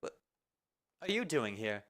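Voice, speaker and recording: A man voicing a flustered young female soldier who stammers in a high, anxious voice. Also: big pitch swings, measured pace, fairly bright tone. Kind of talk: amateur video game fan dub.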